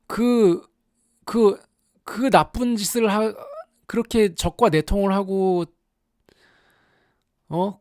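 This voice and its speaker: Casual solo commentary, animated storytelling, very lively pitch, dry close sound. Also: dry recording. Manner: animated, exaggerated storytelling with rhetorical questions. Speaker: YouTube anime commentator.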